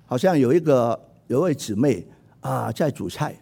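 A middle-aged man preaching a sermon, animated and acting out voices in his stories. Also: medium pitch, moderate pace, vocal fry, breathy edge. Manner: animated, acts out quoted voices.

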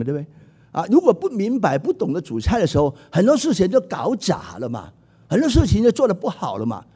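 A middle-aged man preaching a sermon, animated and acting out voices in his stories. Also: a little high, husky. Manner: animated, acts out quoted voices.

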